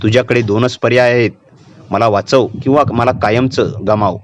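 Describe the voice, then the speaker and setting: Possessed girl w a vengeful spirit in her, calm and menacing, man reading it, mid pitch. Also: moderate pace, a little hiss or hum, lightly acted. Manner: cold, menacing, calmly taunting. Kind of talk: storytelling narration.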